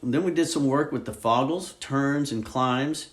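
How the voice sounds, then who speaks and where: A man's voice: medium pitch, normal speed. A man giving a casual, informal narration as a student pilot recounting a flight, with slightly hesitant phrasing. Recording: steady loud aircraft engine and cabin noise. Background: aircraft engine drone and vehicle ambience.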